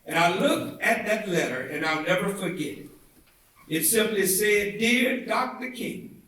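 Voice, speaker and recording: At a commemorative event in an indoor theatre, a man gives a dramatic, oratorical reading of a historic civil rights speech, his phrasing deliberate and measured with emphatic swells. His voice is high-pitched, animated, and sharp in tone. He is recorded from a distance, so the hall sounds echoey.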